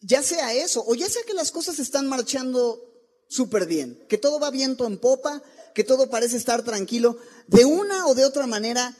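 A man's voice: very high voice, lively intonation, moderate pace, a little mellow. A man, preaching a sermon in a church and asking his listeners many rhetorical questions. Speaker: pastor. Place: church sanctuary.

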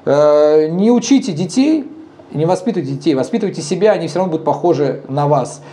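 A man in his thirties who co-founded a bar sits as an interview guest in a dim bar, speaking at a quick pace in a slightly high voice. He's frank and blunt in this casual conversation, animated and gesturing as he talks.

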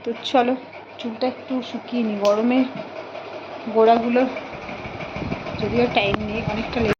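A woman chats to her phone camera in a high voice, rambling and often correcting herself. The audio is muffled and lo-fi, with loud traffic noise behind her. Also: flat delivery, normal speed. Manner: chatty, rambling, self-correcting. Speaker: vlogger. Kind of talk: casual chat to camera. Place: home, then street outdoors.

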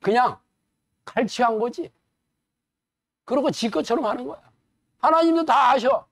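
A man preaching a sermon lecture as a pastor, animated and colloquial, firing rhetorical questions at the audience. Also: very high-pitched, measured pace, no echo, clean studio sound.

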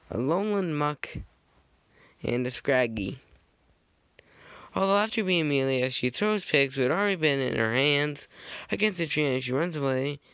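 A man's voice: fairly high pitch, fairly bright tone, smooth, no room sound. A man casually narrating a fan-made slideshow, rambling with jokey asides and frequent self-corrections on a close microphone.

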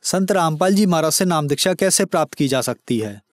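A man conducting a formal interview, asking measured questions and addressing his guest politely. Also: a little high, animated, dry recording, clean studio sound.

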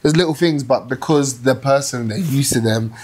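A young man sits on a studio sofa and talks through his story in a relaxed, reflective way. His voice is mid-pitched, and he often restarts his sentences as he warms up. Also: normal speed, breathy edge. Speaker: plus-size model, podcast guest. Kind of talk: casual interview chat. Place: small indoor studio with sofa.

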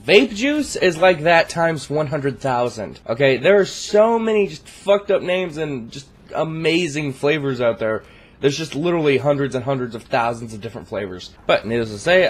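A man hosting his gaming channel, giving casual, rambling gameplay commentary full of profanity. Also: mid-range voice. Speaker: YouTube gaming channel host.

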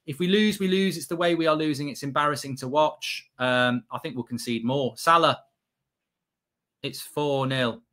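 Sharp, forceful football fan host ranting. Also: male voice, a little high, normal speed. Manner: exasperated, emphatic, repetitive, swearing. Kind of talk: live match reaction rant. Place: small indoor studio set at a desk.

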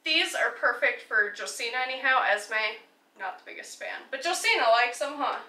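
A woman's voice: fairly high pitch, animated, normal speed, sharp tone. A woman in her thirties chatting casually about her groceries in a home vlog, often laughing as she explains each item. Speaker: vlogger, mother. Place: home dining room, indoors. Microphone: camera mic from across the table. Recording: roomy, distant camera mic with noise.

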